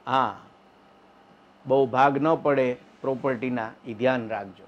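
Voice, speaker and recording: A man telling jokes in an animated stand-up comedy monologue. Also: a little slow. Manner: animated storytelling, wife voices in high falsetto. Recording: dull lo-fi sound.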